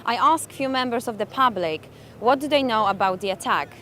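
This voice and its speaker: A woman's voice: on the high side, lively intonation, brisk, fairly bright tone, a little hiss or hum. A young woman reporter reading a scripted news report in a careful, read-aloud manner. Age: young adult.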